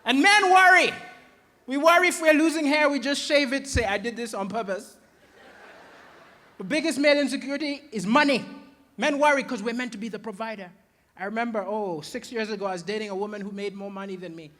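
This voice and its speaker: A man doing a stand-up comedy set, animated, slipping into voices for the people in his stories. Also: extremely high pitch, fairly quick. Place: comedy venue stage. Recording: reverberant hall.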